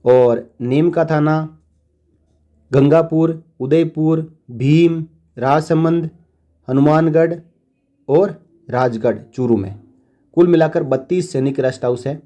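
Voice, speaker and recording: A man hosting a channel, reading out a long list of place names at a steady pace and adding short asides in a casual tone. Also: on the high side, slow, long pauses. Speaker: channel host.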